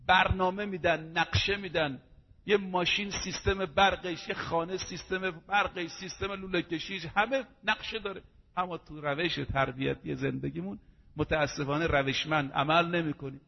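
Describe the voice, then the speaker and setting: High-voiced male preacher, hall echo. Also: gravelly. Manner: animated, addresses listeners directly. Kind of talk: storytelling sermon. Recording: dull reverberant hall recording.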